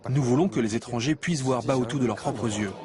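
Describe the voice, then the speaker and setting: A man's voice: mid-range voice, a little fast. A man speaking as a local official, giving a proud, boosterish promotional speech. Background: crowd.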